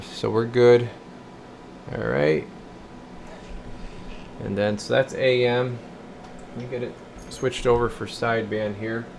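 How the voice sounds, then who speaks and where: This man's voice is fairly low and gravelly, heard over a noisy background. He's a repair technician presenting a bench test video in an indoor radio repair workshop, giving a casual, folksy hands-on demonstration and now and then muttering to himself while working.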